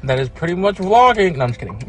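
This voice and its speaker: A man's voice: high voice, low-quality recording. A young man vlogging casually on a phone while walking and driving, chatty and laughing often. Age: young adult. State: out of breath. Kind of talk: casual vlog chat. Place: outdoors in a city, walking and in a car. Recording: outdoor street noise.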